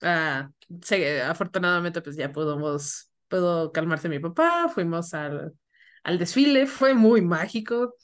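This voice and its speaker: Animated woman storyteller. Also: lowish voice, measured pace. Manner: animated storyteller, laughs often, acts out voices. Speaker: podcast co-host. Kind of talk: casual storytelling chat.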